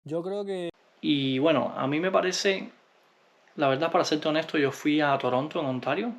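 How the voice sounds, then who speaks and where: Relaxed man answering viewer comments. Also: on the high side, gravelly. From Cuba. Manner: relaxed, unhurried, with frequent hesitations. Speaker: vlogger.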